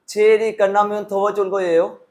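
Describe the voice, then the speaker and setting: A Pakistani student in his early twenties, learning Korean as a non-native speaker, practices formal, memorized answers for a work-visa interview. His darkish voice sits high with little pitch variation, at a moderate pace.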